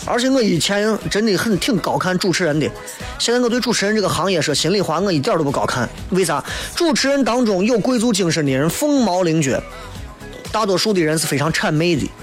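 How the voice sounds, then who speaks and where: A man's voice: sits high, lively intonation, quick pace, faint music behind. A man with a Shaanxi accent delivering a colloquial, opinionated monologue as a talk show host, often throwing out rhetorical questions.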